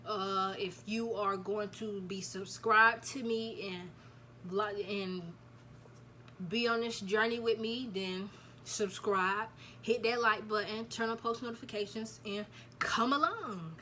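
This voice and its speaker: A nineteen-year-old vlogger tells viewers, "y'all," about her news in a relaxed storytime chat to camera, repeating herself often. Her mid-range voice is bright and forceful yet steady in tone, she speaks slowly, and there is slight background noise.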